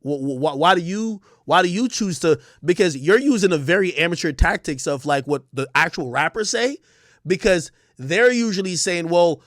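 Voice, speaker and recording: A man's voice: high-pitched, expressive, moderate pace, fairly bright tone, dry recording, clean studio sound. A man, a hip-hop commentator, debating on a live stream, cutting in often and stammering repeated words.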